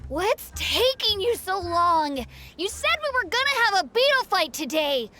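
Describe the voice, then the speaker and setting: An actress voicing an eager little child in a game, calling out from a distance. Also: female voice, extremely high pitch, big pitch swings, unhurried, sharp tone, soft background music, exaggerated voice. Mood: pleading.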